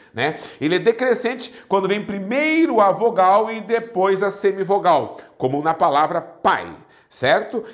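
Man, grammar teacher, lively voice, slightly high pitch, checks in with students often. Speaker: Portuguese teacher. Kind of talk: spoken grammar lesson.

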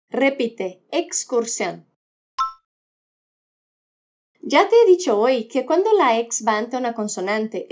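A woman teaching a podcast language lesson, modelling words slowly and patiently for the listener to repeat. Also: high-pitched. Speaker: Spanish teacher.

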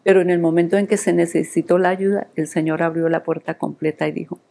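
A woman's voice: fairly low pitch, little pitch movement, fast, vocal fry, warm tone. An older woman giving an earnest, emotional testimony of faith in an interview.

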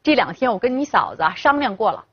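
An earnest village man speaking frankly and confidingly, as a woman storyteller puts him on. The voice is husky and lively, on a dull, dry recording. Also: a little high, fast, dry recording.

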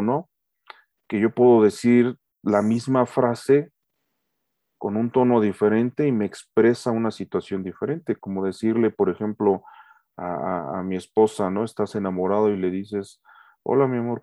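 Mellow-voiced middle-aged man teaching. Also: on the low side, no echo. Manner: talks with many fillers and restarts, asks for agreement. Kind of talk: casual lecture.

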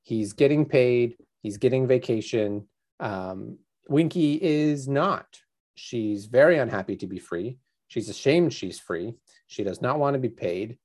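A man's voice: mid-range voice, lively intonation, a little slow, a little mellow. A man co-hosting a podcast, chatting casually through a book chapter with lots of "like" and "um". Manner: chatty, filler-heavy recap. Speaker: podcast co-host.

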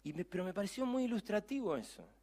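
A youth pastor with a Rioplatense Spanish accent preaches with lively, swooping intonation in a slightly high voice. He presses his points hard and slips into friendly, chatty asides to the congregation. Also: fast. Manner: animated, emphatic preaching with conversational asides. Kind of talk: sermon.

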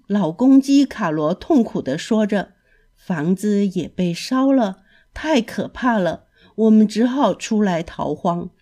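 A woman voicing a grieving old male rooster, speaking slowly and mournfully. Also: medium pitch, lively intonation, dark tone. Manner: slow, mournful.

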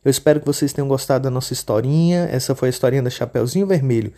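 A woman narrating a children's fairy tale for a podcast in an expressive storytelling manner. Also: a bass voice, racing.

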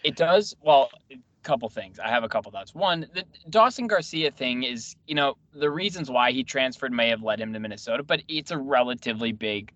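A man's voice: medium pitch, animated, brisk, a bit bright, dry recording. A man hosting a casual sports radio chat, wry and teasing, talking a lot. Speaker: radio show host. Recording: muffled lo-fi audio.

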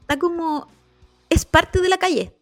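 A woman's voice: very high-pitched, moderate pace, fairly bright tone, dry recording, studio quality, faint music behind. A young woman with a Chilean accent, chatting casually as a podcast co-host, telling rambling stories with lots of laughing. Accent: Chilean Spanish. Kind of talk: casual chat.

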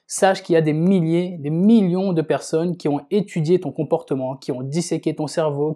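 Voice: medium pitch, warm tone. A podcast host giving an informal self-help talk, speaking straight to the listener and repeating words for emphasis.

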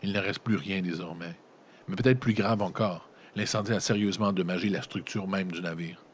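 Very deep-voiced Quebec French man reading a gamebook. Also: brisk, slight background noise. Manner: breaks off narration with joking, slangy asides. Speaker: gamebook reader and player. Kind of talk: reading a gamebook aloud with casual commentary.

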